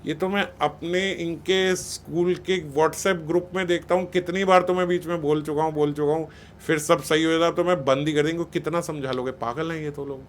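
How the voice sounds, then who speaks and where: A man's voice: a little high, fairly even intonation, normal speed, a little hiss or hum. A man giving a spiritual talk on raising children, conversational and scolding, often acting out what parents and teachers say. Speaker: spiritual speaker.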